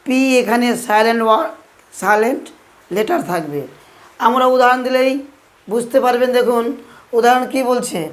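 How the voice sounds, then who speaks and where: A man teaching English pronunciation in a video lesson, slowly spelling out letters one at a time. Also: very high-pitched, a bit bright.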